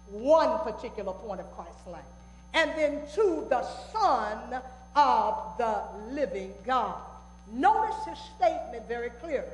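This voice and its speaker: A woman pastor preaching a sermon, repeating words for emphasis as her delivery rises and falls. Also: high voice. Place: church sanctuary. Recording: echoey church hall.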